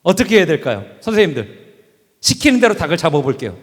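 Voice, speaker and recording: Male preacher with a high voice, a funny sermon full of audience questions, long hall reverb. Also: fast talker. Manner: animated, asks the audience questions and acts out scenes. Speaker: guest preacher. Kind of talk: lively humorous sermon. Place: church sanctuary.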